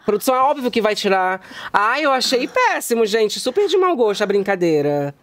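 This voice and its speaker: A woman's voice: mid-range voice, sing-song, a little fast. A young Brazilian woman hosting a talk show, sarcastic and teasing, with theatrical outrage. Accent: Brazilian Portuguese. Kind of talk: mock-confrontational interview.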